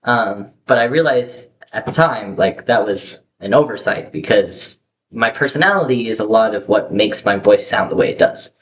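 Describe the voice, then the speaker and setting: A young vlogger chats candidly to his camera, rambling with plenty of fillers, restarts and self-corrections. His voice is animated and a bit bright at a normal speed. The poor camera mic adds a faint background hiss.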